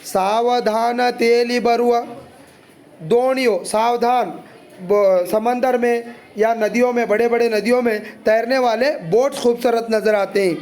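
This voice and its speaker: A man teaches a poem to his students in a very high voice. He walks through it line by line, chatty and loose, and breaks off for side remarks. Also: fairly even intonation, a little slow, a little mellow. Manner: chatty, explains line by line with asides.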